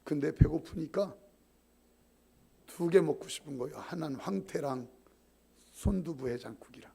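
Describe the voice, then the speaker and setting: A man's voice: fairly high pitch, moderate pace, vocal fry, background noise. A male pastor preaching, telling a story animatedly and acting out voices. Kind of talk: sermon. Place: church sanctuary.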